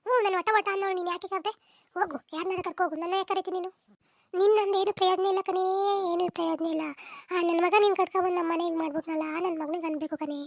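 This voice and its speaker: A shrill, very high cartoon mother-in-law, voiced by a woman, an elderly grump who bickers and wails over her woes at breakneck speed. Her melodramatic laments are recorded close and dry. The tone is a comic cartoon squabble. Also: fairly even intonation, very fast, no room sound. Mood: scolding. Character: complaining elderly mother-in-law, self-pitying and dramatic.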